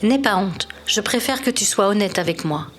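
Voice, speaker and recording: A woman voicing a gentle, sincere young princess in an animated storybook, speaking tenderly. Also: mid-range voice, normal speed, soft background music, natural voice. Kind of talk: animated storybook character acting.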